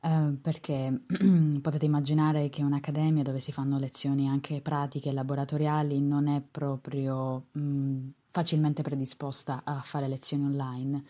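A woman's voice: extremely low pitch, level tone, unhurried, dark tone, dull audio. A young woman from Palermo talks informally as a student, often searching for her words. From Palermo, Sicily, Italy. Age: young adult. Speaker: art student. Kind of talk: casual, informal address to camera.

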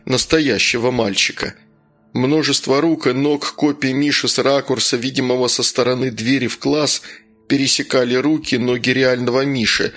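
A man reading a horror story aloud in a steady narrating voice. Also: mid-range voice. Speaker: audiobook narrator. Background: faint music.

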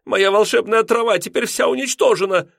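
Man doing a shrill scolding landlady. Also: brisk, vocal fry, a bit bright, dry recording, clean studio sound. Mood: wailing. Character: fussy proper landlady, middle-aged woman.

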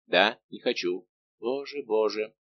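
A man's voice: lowish voice, a little slow, lo-fi sound. A man reading as a bitter, mocking young king. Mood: cold. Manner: cold, sarcastic.

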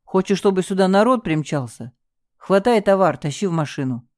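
A woman voicing a callous, lazy thug who speaks flatly and dismissively. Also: on the low side, moderate pace, no echo, clean studio sound, natural voice. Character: callous lazy thug, coldly indifferent man.

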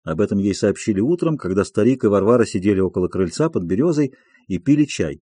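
A man reading a classic story aloud as an audiobook narrator, expressive and literary. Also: lowish voice, fast, slightly rough, no room sound. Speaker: audiobook reader. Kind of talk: scripted narration.

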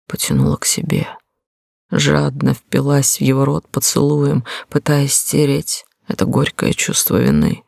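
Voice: medium pitch, big pitch swings, measured pace, vocal fry, darkish tone, no room sound, clean studio sound. A narrator reading a first-person romance audiobook in an emotional, intimate way.

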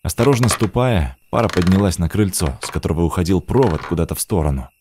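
A man narrating an audiobook in a steady, measured reading voice. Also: low voice, background noise.

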